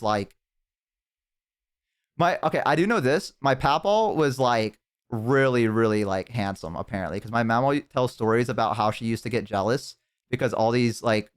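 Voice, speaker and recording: Young male streamer, mid-pitched, casual chatter to his audience, swears freely and does lively voices when telling stories. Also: clear, resonant tone. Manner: rambling, profane storytelling with animated impressions; talks to chat. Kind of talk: casual live-stream chat.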